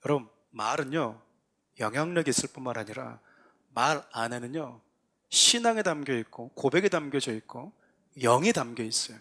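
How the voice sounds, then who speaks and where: A pastor giving a Sunday sermon, earnest and emphatic, mixing calm explanation with lively quoted voices. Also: male voice, mid-range voice, normal speed. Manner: earnest, rising to emphatic exhortation with acted quotes. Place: church sanctuary.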